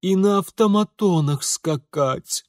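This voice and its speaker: A man's voice: high-pitched, slow, darkish tone, dry recording, studio quality, pitched above the performer's own voice. A man voicing a fainting noble mother who speaks plaintively in a feeble, dying voice.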